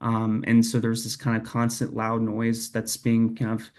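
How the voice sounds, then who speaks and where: A man's voice: lowish voice, completely flat delivery, unhurried, a little mellow. A young man giving a casual, hesitant lecture over a video call, with many fillers and restarts. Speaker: presenter. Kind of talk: online lecture presentation.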